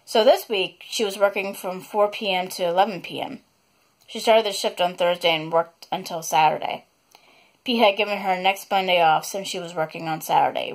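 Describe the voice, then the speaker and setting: A woman reading a chapter of her own novel aloud, unedited, stopping now and then to apologize for slips and add asides. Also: on the low side.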